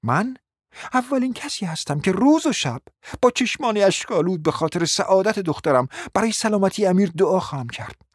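A cunning, flattering provincial mother in a radio drama, coaxing in a smooth, persuasive voice that keeps sinking to a whisper. The sound is dry and close, with no room around it. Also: medium pitch, dry recording. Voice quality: coaxing, often drops to a whisper. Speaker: scheming mother. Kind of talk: radio play acting.

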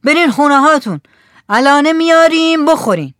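A woman's voice: on the high side, lively intonation, no echo, clean studio sound, natural voice. Woman doing a commanding village headman.

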